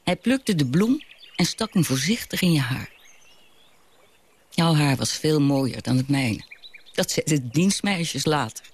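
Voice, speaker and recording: A gravelly, wistful narrator. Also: male voice, on the high side, animated, measured pace, long pauses, exaggerated voice. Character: grown child looking back on a childhood home. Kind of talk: reflective radio drama narration.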